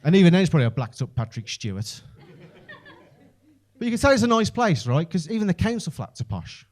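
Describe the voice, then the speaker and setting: A man's voice: sits high, very animated, brisk, a little mellow. A man with a Birmingham Brummie accent telling stand-up stories in a conversational, self-deprecating, sweary way. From Birmingham, England. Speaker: stand-up comedian. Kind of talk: stand-up comedy storytelling.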